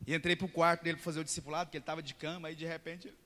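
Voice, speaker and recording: Fast-talking preacher. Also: male voice, a little high, flat delivery, pushed and bright. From central Brazil. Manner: emphatic storytelling, often calling out to the congregation. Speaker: pastor. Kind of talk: sermon. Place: large church hall. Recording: long reverb in a church hall.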